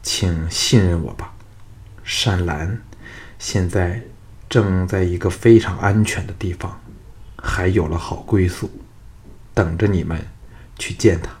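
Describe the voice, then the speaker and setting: A shrewd young hero talks in a calm, sincere way with a teasing edge, as the narrator plays him. His voice is deep and unhurried, and he reasons patiently. He is a leading man from a spoken storybook. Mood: earnest.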